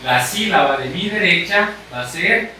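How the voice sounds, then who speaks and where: A man teaching a grammar lesson at a board, speaking slowly and deliberately and repeating the key points. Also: high voice, lively intonation, bright, forceful tone, a little hiss or hum. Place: room with a board. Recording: echoey room, mic far off.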